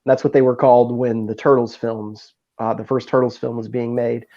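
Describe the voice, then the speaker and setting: A man's voice: medium pitch, level tone, normal speed, dark tone, highs cut off. A man chatting as a guest on a video call, enthusiastic and full of stories. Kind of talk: casual video-call chat.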